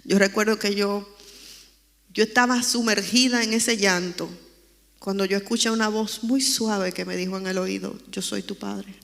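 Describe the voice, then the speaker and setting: A woman's voice: mid-range voice, steady tone, moderate pace, a bit bright. Woman giving testimony in a reverberant church. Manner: earnest, emotional storytelling. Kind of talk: personal testimony in a church interview. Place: church sanctuary.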